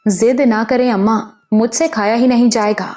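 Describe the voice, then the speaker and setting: A woman's voice: on the high side, fairly even intonation, a little mellow, soft background music, natural voice. A woman voicing a shy, innocent young woman who talks hesitantly in an audiobook. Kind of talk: audiobook character voice.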